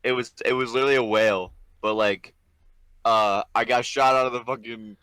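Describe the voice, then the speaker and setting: A man's voice: medium pitch, steady tone, brisk, pushed and bright, clean tone, no room sound. A young man in his late teens co-hosting a podcast, laid-back and sarcastic, laughing easily. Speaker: podcast co-host. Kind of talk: casual chat.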